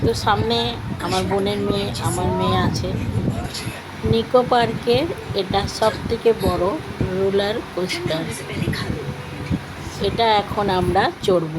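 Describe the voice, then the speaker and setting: A woman's voice: mid-range voice, measured pace, pauses often. A middle-aged woman narrates a casual family vlog, speaking simply and repetitively, straight to her viewers. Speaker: family vlogger. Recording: loud crowd and outdoor ride noise. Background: busy outdoor amusement park crowd and machinery noise.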